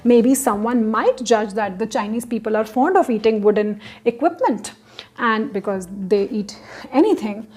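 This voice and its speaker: A woman giving an explanatory lecture as a literature teacher, repeating example sentences with shifting stress and pausing often on hesitant fillers. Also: a little high, a little mellow.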